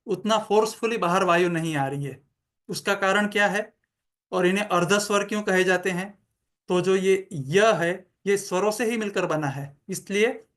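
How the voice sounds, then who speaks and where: Woman slowly explaining Sanskrit pronunciation. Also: mid-range voice. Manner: slow, deliberate, demonstrates sounds by repeating them. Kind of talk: explanatory lecture.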